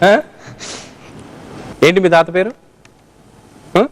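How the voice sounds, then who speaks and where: A man's voice: high-pitched, steady tone, very slow. A man hosting a children's quiz show, playfully teasing and coaxing a young contestant, often repeating himself. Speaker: game show host.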